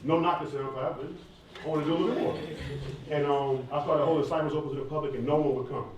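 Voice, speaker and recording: A fast-talking American man from the southeastern United States, near Atlanta, fields audience questions at a live event in a large, echoey indoor hall. He's a hip hop artist and former college athlete whose voice is slightly high, steady and a touch mellow, and his manner is candid, informal and full of slang. The mic is distant, so the recording carries echo and faint noise.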